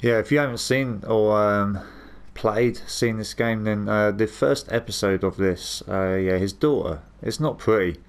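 A man's voice: lowish voice, measured pace, hardly any pauses, clear, resonant tone. A man giving casual, chatty commentary over a video game, swearing now and then. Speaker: gameplay commentator.

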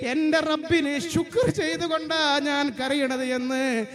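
A man voicing a pious stone that weeps, with a mournful, drawn-out pleading delivery. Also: very high-pitched, little pitch movement, music in the background, pitched above the performer's own voice. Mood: grateful lament. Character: pious weeping stone fearing hellfire.

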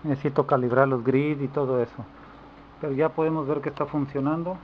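Speaking a little fast at medium pitch, with little pitch movement, a repair technician walks through an informal demonstration indoors. His handheld camera's microphone gives dull lo-fi sound and clear background noise.

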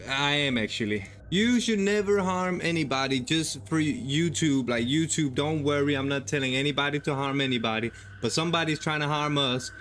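A man hosting a reaction video, in casual, animated, slangy commentary that talks back to the story. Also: fairly high pitch, normal speed, few pauses, a little hiss or hum. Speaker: reaction channel host.

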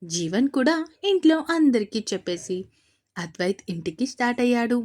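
A woman narrating a romantic story serial in a brisk, lively reading. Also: a little high.

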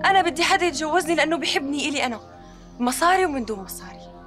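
An actress with a Levantine Arabic accent playing a headstrong young daughter who stubbornly refuses a suitor. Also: female voice, sits high, animated, very fast. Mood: defiant. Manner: defiant, stubborn. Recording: music bed under the voice.

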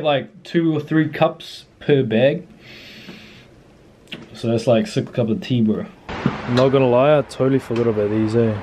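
A man's voice: medium pitch, background noise. Laid-back slangy New guy. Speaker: cooking vlogger. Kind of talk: casual cooking vlog. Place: outdoor backyard by a grill and indoor kitchen.

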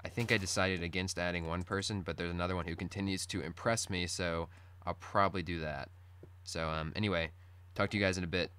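A man's voice: sits low, fairly even intonation, fairly quick, few pauses, a bit bright, clear, resonant tone. A man with a morning voice chatting casually in a rambling, laid-back gaming update, on poor-quality audio. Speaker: gaming video host. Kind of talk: casual Let's Play update chat. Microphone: recorded through screen-capture software. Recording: poor audio with background noise.

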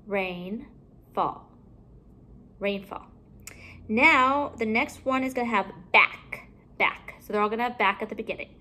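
Slow, careful woman teaching phonics. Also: fairly high pitch, fairly bright tone. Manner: slow, deliberate, stretched-out enunciation of each word. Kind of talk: phonics lesson for young children. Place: at home.

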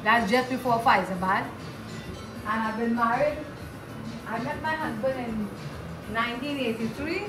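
A woman of around sixty from southern Trinidad shows her cooking in her home kitchen, her voice a little high and her pace measured, with long pauses. She chats in a homely way and repeats herself during the casual demonstration. Music plays behind her in the echoey kitchen.

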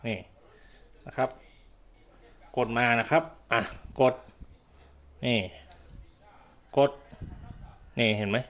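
Explaining step by step, a man whose first language is Thai shows off a product in a relaxed, hands-on way, sprinkling in polite particles and frequent repetition. His mid-range voice is creaky with a fairly bright tone.

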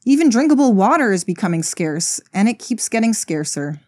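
A woman's voice: mid-range voice, sing-song, brisk, darkish tone. A woman giving a casual spoken video essay, blunt and sarcastic, with frequent swearing.

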